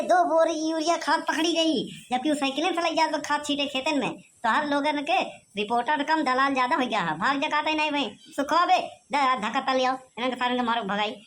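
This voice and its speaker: A woman voicing a hot-tempered rustic male farmer who scolds in rough village talk with an Awadhi accent. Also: sits high, fairly bright tone, slight background noise.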